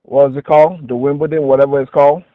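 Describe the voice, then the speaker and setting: A man's voice: on the high side, level tone, no echo. A thin, dry phone-line recording carries a man with a Queens New York accent. He is a caller debating politics in a casual, slangy way, stumbling and repeating his words as he goes. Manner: halting, repetitive, slangy filler phrases. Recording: tinny phone-like call audio.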